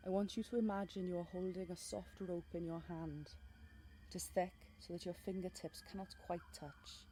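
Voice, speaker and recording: A woman with a Welsh accent voicing a mysterious, protective fae guide in an intimate audio role-play, with lyrical, gently commanding phrasing. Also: fairly low pitch, slight background noise, lightly acted. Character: mysterious female fae guide, protective, wry, ancient storyteller.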